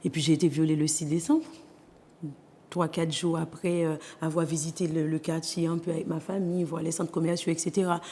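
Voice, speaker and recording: A Haitian woman in her thirties, interviewed as an author, speaks earnestly in her Haitian accent, pausing and hesitating often during her testimony. Her low-pitched, mellow voice keeps a level tone at a slightly fast pace, trailed by long reverb.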